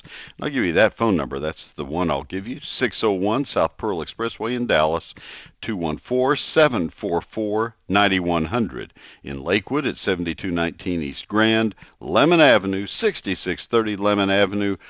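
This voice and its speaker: A man hosting a gardening radio show, speaking in a deliberate, instructional way as he spells out and repeats details. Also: on the low side, a bit bright, no room sound, highs cut off. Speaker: gardening call-in radio host. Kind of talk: live radio ad reads and caller advice.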